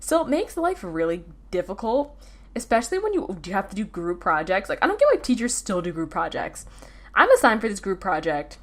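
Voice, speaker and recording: A woman's voice: medium pitch, very animated, brisk, a bit bright. A teenage girl hosting a casual solo podcast, rambling with lots of fillers and restarts. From United States. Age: teens. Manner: rambling, filler-heavy, self-interrupting. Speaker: podcast host.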